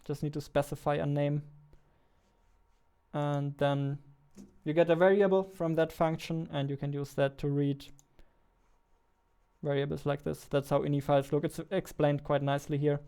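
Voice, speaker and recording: A man in his 20s casually livestreams while working on game development at a computer indoors, keyboard clicks audible behind him. His voice is smooth, mellow and fairly high for a man, staying level with little pitch movement. He thinks aloud haltingly, often half to himself.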